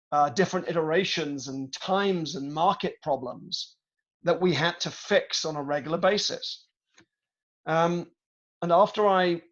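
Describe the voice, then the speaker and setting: A middle-aged British man giving a storytelling talk to students over a video call, measured and reflective, with frequent hesitations. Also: fairly high pitch, creaky, muffled recording. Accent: British English. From Britain. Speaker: guest speaker, tech executive.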